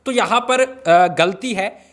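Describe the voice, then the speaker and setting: ऊँची आवाज़ वाला पुरुष यूट्यूबर, गपशप भरी अपडेट नाटकीय ढंग से सुनाता है. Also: male voice, sits high, slow, fairly bright tone. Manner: dramatic, hypes up the news and re-enacts quarrels. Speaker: YouTuber giving reality show updates. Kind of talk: excited gossip recap.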